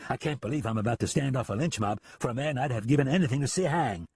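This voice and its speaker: A man's voice: medium pitch, animated, quick pace, a little mellow, breathy edge, no room sound. A man voicing a nervous, doubting deputy in an audiobook reading. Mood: grim. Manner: incredulous, questioning.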